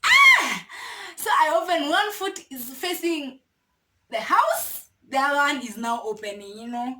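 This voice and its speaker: A young woman with a Kenyan accent tells a childhood story to her camera, lively and laughing as she goes. Her voice sits high and sounds bright and sharp. She slips bits of Swahili slang into her English. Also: normal speed. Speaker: vlogger. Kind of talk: casual storytime.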